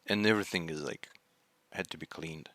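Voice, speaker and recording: A man's voice: extremely low pitch, a little fast, a bit bright. A non-native English-speaking man hosting an anime reaction, talking casually and rambling as he searches for words. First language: not English. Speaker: anime reaction channel host.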